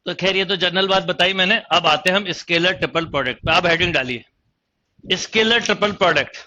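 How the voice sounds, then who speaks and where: A man's voice: high voice, brisk, bright, forceful tone, muffled recording. A man teaching a math lesson online, explaining step by step and quizzing his students as he goes. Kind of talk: online exam-prep lecture.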